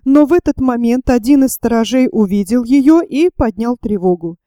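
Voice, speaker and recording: The recording is close, dry, and echo-free as a woman narrates a novel in a steady audiobook style. Her voice is a little high but still dark and mellow.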